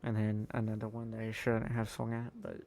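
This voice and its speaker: Flat, tired-sounding man narrating gameplay. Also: vocal fry, a little hiss or hum. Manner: low-key, halting, lots of ums and uhs. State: tired, yawning. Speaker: gaming YouTuber. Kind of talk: recorded voice-over commentary on own gameplay.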